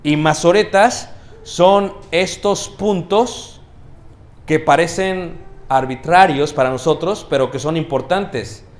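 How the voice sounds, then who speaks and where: A man preaching a teaching sermon in a church. He asks the congregation questions, adds "ok?" often, and stresses key words slowly. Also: on the high side. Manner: checks in with the congregation, asking questions and saying "¿ok?".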